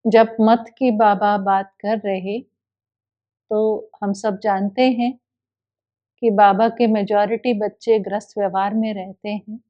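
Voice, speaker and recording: A woman spiritual teacher giving a daily spiritual discourse, explaining patiently and returning again and again to what her teacher said. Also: a little high. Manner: unhurried, explaining with repeated reported teachings. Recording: dull lo-fi recording.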